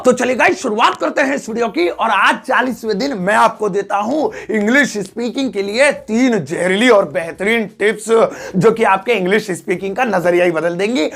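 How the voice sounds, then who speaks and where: A young man teaches a casual English lesson, chatty and full of playful jokes. His voice sits high and has a gravelly edge. He keeps it loose and friendly. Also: fairly bright tone. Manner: chatty, joking, playful asides. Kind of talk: casual Hindi video lesson.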